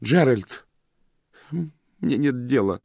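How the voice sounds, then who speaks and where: A man's voice: medium pitch, brisk, vocal fry, darkish tone, breathy edge, no room sound, pitched above the performer's own voice. A male reader voicing a desperate young woman who pleads breathlessly in a dry, close recording.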